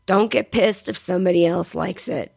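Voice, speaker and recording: A woman co-hosting a podcast in casual, joking chat, laughing often, her voice rough from being sick. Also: on the low side, normal speed, a little mellow, no echo. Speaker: podcast co-host.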